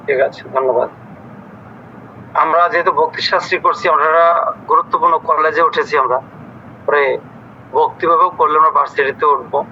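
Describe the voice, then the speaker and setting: A man runs a scripture class over a dull, lo-fi call, strict and scolding as he quizzes students. His voice is very forceful and bright and sits fairly high. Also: fairly even intonation, moderate pace, pauses often, a little hiss or hum. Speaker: teacher.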